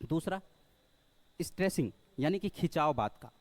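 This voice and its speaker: Higher-voiced man teaching a class. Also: lively intonation, normal speed, no room sound. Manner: checks in often with rhetorical questions, addresses listeners as brother; hesitant, with frequent filler sounds and restarts. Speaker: English teacher. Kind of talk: explanatory spoken lesson.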